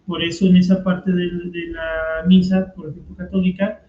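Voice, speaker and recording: A man's voice: high-pitched, flat delivery, moderate pace. A man explaining in a conversational lecture, often asking rhetorical questions. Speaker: teacher leading a commented reading. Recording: roomy, dull lo-fi sound.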